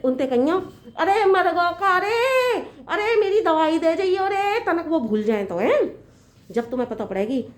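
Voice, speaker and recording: A woman's voice: medium pitch, dark tone, natural voice. A woman playing a patient young daughter-in-law who reasons at length in an earnest, lecturing way, in a comedy sketch.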